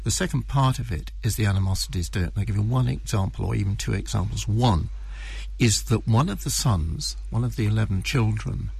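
A man giving analyst commentary in an interview, setting out his points deliberately, one by one. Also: on the low side, creaky, a little mellow, slightly rough, no room sound. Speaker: defence analyst.

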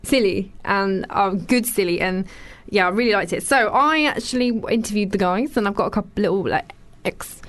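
A woman's voice: medium pitch, normal speed, hardly any pauses, a bit bright. A woman presenter chatting casually and candidly, as in an entertainment talk show. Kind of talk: casual chat.

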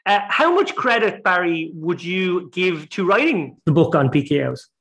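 Bright, high-pitched man hosting with big echo. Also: big pitch swings, moderate pace. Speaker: podcast host. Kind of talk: upbeat podcast hosting. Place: large empty tiled kitchen, indoors. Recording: big hall echo, tiled empty room.

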